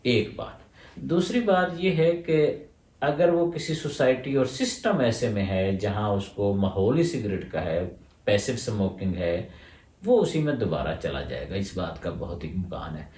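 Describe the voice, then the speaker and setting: A lower-pitched man answers questions as a homeopathic doctor. He explains step by step, laying out his points one after another. His voice sounds set back from the microphone in an echoing room. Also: lively intonation, a little slow, a little mellow, recorded from a distance. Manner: explanatory, lays out points in order. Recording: roomy echo, voice from away from the mic.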